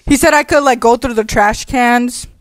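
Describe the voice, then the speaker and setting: A young woman telling a story in a casual vlog chat, animated and laughing between lines. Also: a little high, moderate pace. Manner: animated, laughing, sassy retelling. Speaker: vlogger.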